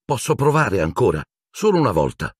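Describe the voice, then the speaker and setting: A man's voice: big pitch swings, a little fast, breathy edge, no echo, clean studio sound. A man voicing an earnest teenage boy wizard. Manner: urgent, pleading, pitched well up. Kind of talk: audiobook character voice.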